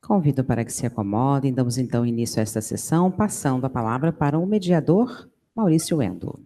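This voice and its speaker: Low-pitched Brazilian woman announcing formally. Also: expressive, mellow. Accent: Brazilian Portuguese. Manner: slow, formal, deliberate. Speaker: event announcer.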